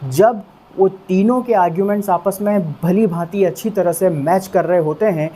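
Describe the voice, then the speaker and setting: A man teaching English vocabulary in an explanatory online lesson. He talks conversationally, calls his listeners friends and repeats words slowly for them to practise. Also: high voice, mellow. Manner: conversational, with frequent fillers.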